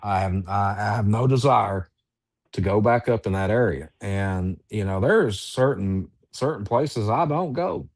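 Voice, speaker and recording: A man who researches Bigfoot, telling a story in a halting, drawn-out way with many restarts. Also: on the low side, no echo, studio quality. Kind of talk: storytelling in an interview.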